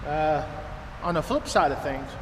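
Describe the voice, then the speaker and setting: An American trucker and video blogger in his thirties talks casually to camera from inside an empty truck trailer with the door open. His voice is a little high, animated and a little slow, his manner rambling and folksy. The metal trailer echoes, and background noise is clearly heard.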